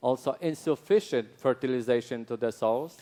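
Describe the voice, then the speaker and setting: A man's voice: medium pitch, warm tone. A man giving a training lecture on plant stress, speaking in short phrases with fillers and restarts while an interpreter follows. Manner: slow, halting, with repeated words and fillers. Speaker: product trainer.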